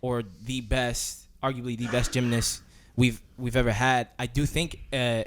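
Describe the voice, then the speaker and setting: A man co-hosting a casual podcast who talks in a loose, animated way, full of restarts and fillers. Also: medium pitch, measured pace, a little hiss or hum. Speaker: podcast co-host.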